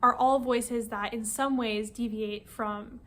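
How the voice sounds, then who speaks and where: A woman's voice: fairly high pitch, fairly even intonation, slow pace, fairly bright tone. A woman hosting an explainer video, talking casually and informally with frequent fillers and restarts. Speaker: video essay host.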